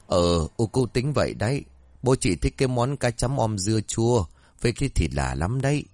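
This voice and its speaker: A man voicing an elderly village mother in a spoken story, with low, easygoing grandmotherly talk. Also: sing-song, moderate pace, a little mellow, no room sound. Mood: homely.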